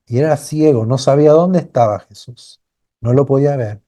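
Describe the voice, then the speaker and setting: A man's voice: medium pitch, moderate pace, dark tone. A man preaching a sermon as pastor, earnest and building to fervent cries. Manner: acts out quoted voices of a blind beggar crying out.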